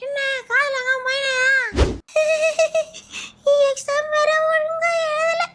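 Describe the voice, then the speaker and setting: A performer voicing a mischievous little schoolboy who whines and pleads, often close to tears, in a squeaky high voice. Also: level tone, slow, full character voice. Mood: tearful. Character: mischievous little schoolboy Shinchan, fretful about exams. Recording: loud background noise.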